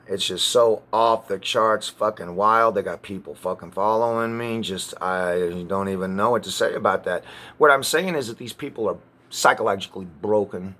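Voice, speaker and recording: A man ranting to camera in an agitated, profane way, often halting and restarting. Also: on the low side, fairly bright tone. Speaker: vlogger.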